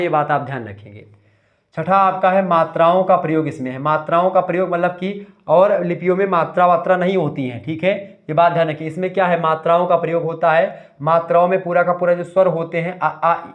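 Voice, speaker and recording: A man's voice: sits high, muffled recording. A male teacher giving a revision lecture, asking the class questions and answering them himself, repeating key terms.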